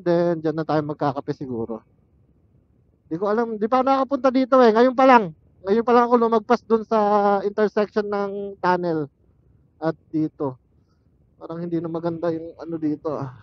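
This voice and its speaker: With a helmet intercom headset doubling as his external mic, a man rides a motorcycle on mountain roads outdoors and chats casually for his vlog, thinking aloud along the way. His voice sits high, and the muffled recording has no echo.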